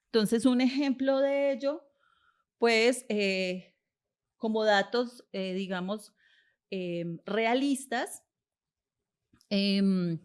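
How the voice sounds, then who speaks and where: A woman's voice: a little high, drawn-out words, long pauses, clean tone. A woman giving an academic linguistics lecture, explaining step by step with rhetorical questions and frequent hesitations.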